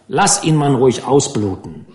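A man playing a stern old male schooner captain with slow, moralizing, dialect-tinged speech in an audiobook. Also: mid-range voice, lively intonation, a little mellow, close to an everyday voice.

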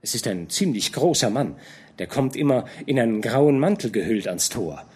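A man voicing a gossiping middle-aged female innkeeper who spreads scandal in a hushed, eager way. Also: expressive, normal speed, breathy edge. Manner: chatty, conspiratorial, hushed to shrill.

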